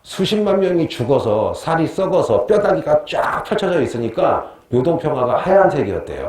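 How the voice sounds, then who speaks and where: A man's voice: on the high side, darkish tone, roomy sound. A middle-aged man teaching a history class, quizzing his students and joking and laughing with them as he lectures.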